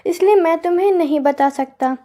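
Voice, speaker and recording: A woman voicing a secretive male merchant in a storybook tale, evasive and halting. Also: very high voice, mellow. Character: laughing, secretive middle-aged male merchant.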